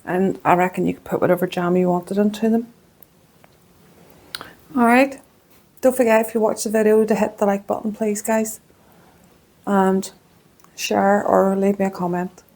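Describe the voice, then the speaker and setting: Northern irish woman doing a cooking vlog in her kitchen, warm mellow tone, chatty and homely. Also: medium pitch, steady tone, normal speed, pauses often. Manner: chatty and homely, talks while tasting. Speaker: cooking channel host. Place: home kitchen.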